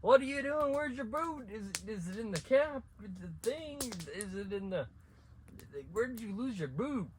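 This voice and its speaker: A furious, high-strung dad yells in a shrill voice pushed far above his normal register, as a man acts him out. He sounds loud and scolding. A steady hiss of outdoor noise sits under the voice. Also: moderate pace. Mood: frantic. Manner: shrill, yelling.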